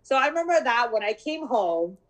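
A woman's voice: a little high, brisk, low-quality recording. Woman in her 30s, podcast chat, acts out all the voices in her story, laughs a lot. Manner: animated storyteller, laughs often, acts out dialogue. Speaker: podcast co-host.

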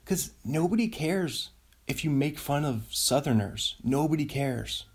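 A man talking through a loose, self-amused comedy ramble in a husky, slightly breathy voice. He speaks slowly, and his pitch jumps around a lot. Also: animated. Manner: rambling, self-amused, laughs at own jokes. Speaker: comedian host. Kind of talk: casual comedy monologue.

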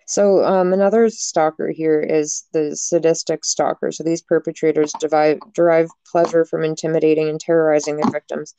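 A woman's voice: low-pitched, level tone, normal speed, hardly any pauses, mellow, clean tone, no room sound. A young woman hosting a casual podcast, frank and jokey, swearing freely as she talks. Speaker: podcast host.

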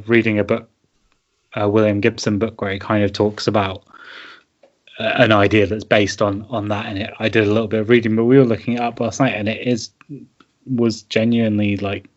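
A man's voice: on the low side, little pitch movement, normal speed. A man chatting casually and wryly about a film with friends, laughing as he talks. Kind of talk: casual chat. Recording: dull lo-fi recording.

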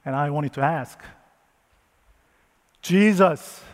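Slow emotional storyteller in an echoing hall. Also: male voice, on the high side. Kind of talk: first-person dramatic retelling of a Bible story.

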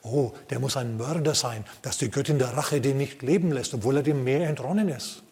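A man's voice: medium pitch, brisk, a little mellow, close to an everyday voice. A man voicing a murmuring crowd of superstitious islanders, gossiping in a long hall reverb. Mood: suspicious.

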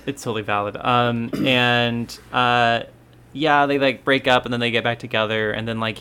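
A man's voice: medium pitch, fairly bright tone, smooth. A young man co-hosting a podcast, chatting loosely about a movie with many fillers and restarts. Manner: rambling, full of fillers and self-corrections. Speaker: podcast co-host. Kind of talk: casual chat about a movie.

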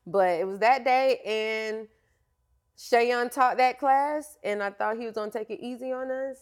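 A woman's voice: fairly high pitch, a little slow, clear, resonant tone. A woman fitness instructor telling her story in a candid, slangy, casual interview.

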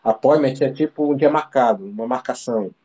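Mellow-voiced man telling a rambling story. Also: mid-range voice, brisk, highs cut off. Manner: slangy, rambling, full of fillers and restarts. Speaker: interview guest. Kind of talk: casual storytelling chat. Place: living abroad in Ireland.

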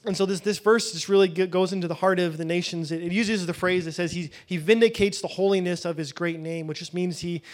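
High-voiced man teaching informally. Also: steady tone, brisk, hardly any pauses. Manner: loose, conversational, thinks aloud mid-sentence. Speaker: bible teacher.

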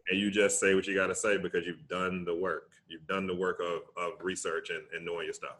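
A middle-aged man with a Southern US accent, talking casually and emphatically as a motivational interview guest, often checking his points with a quick tag question. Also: deep voice, flat delivery, fairly bright tone. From Alabama, United States. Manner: emphatic, conversational, often tags points with "right?". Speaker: interview guest, public speaker.

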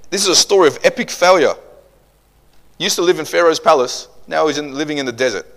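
Animated, joking male preacher. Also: fairly high pitch, fast. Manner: animated and joking, jumping between loud bursts and quiet asides. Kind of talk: sermon.

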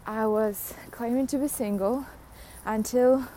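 Young woman, podcast host, self-mocking rambling rant; mellow, slightly high voice. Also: fairly even intonation, a little slow, a little hiss or hum. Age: young adult. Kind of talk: casual solo rant.

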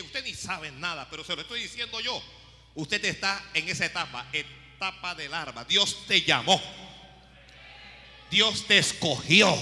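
A high, piercingly bright man's voice preaches a fervent sermon, dropping to low murmurs and then rising to shouted praise. His words ring with long reverb through a church hall. Faint music plays underneath. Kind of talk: impassioned sermon.

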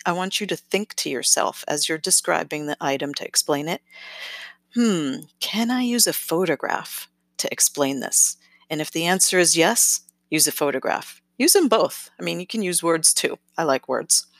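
A woman hosting a podcast, giving casual advice in a chatty, self-correcting way and often checking in with "okay?", with lively, sing-songy emphasis. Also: low voice, dry recording. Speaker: podcast host.

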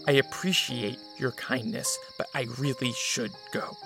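A man's voice: medium pitch, steady tone, a little slow, vocal fry, pushed and bright, faint music behind. A man playing a polite, wary vampire count in a radio drama, hesitant and apologetic. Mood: guarded.

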